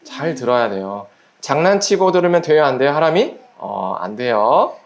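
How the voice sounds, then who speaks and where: A pastor giving a children's sermon at a church service, gently asking the children quiz questions and acting out little voices in the story. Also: mid-range voice, sing-song, normal speed. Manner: acts out little quoted voices while storytelling.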